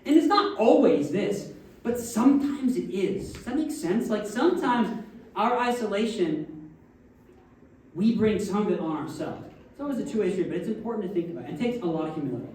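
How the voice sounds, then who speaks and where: High-voiced man preaching in echoey church. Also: expressive, fairly quick, darkish tone. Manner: conversational preaching with frequent audience check-ins. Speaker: minister. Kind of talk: sermon. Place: church sanctuary. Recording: very echoey distant room mic, faint background noise.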